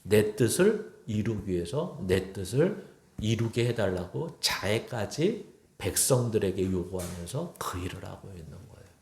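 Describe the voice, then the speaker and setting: A man's voice: fairly low pitch, big pitch swings, measured pace, darkish tone. A male pastor preaching a sermon to his congregation, often slipping into blunt, informal direct address. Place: church sanctuary. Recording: echoey church hall.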